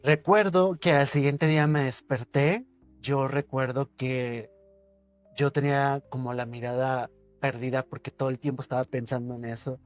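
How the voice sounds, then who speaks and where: Man, podcast guest, suspenseful ghost-story teller who repeats and hushes. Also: fairly even intonation, normal speed, soft background music. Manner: suspenseful storytelling, repeats words for effect, drops his voice low. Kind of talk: telling a personal ghost story.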